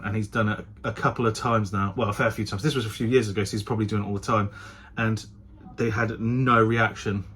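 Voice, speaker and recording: His voice is husky, on the low side and fairly bright. He's a chatty vlogger speaking casually to camera, often hedging what he says and self-correcting along the way.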